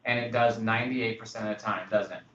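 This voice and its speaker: A man's voice: on the low side, steady tone, fast talker, a bit bright. A man who works as a real estate broker, talking in a casual podcast discussion and acting out phone calls as he tells stories. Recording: roomy, distant, dull sound with faint noise.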